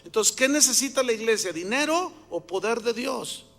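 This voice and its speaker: A man's voice: extremely high pitch, animated, moderate pace, vocal fry, pushed and bright, long reverb tail. A man preaching a sermon with emphasis, often putting questions to the congregation. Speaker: pastor.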